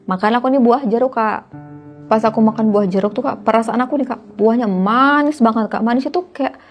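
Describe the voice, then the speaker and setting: A woman's voice: fairly high pitch, a little fast, muffled recording, soft background music. A young woman, telling a horror story casually to a host, often addressing the host as "Kak". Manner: chatty, keeps addressing the listener as "Kak". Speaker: guest storyteller.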